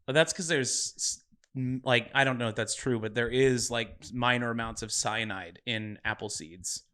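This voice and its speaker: Man, bright tense voice, casual joking podcast guest, rambling asides. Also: medium pitch, moderate pace. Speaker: guest musician, lead singer. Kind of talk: casual chat.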